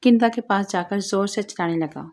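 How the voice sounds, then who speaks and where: A woman's voice: medium pitch, a little mellow. A woman narrating an audio story with a moralizing, plain storytelling manner.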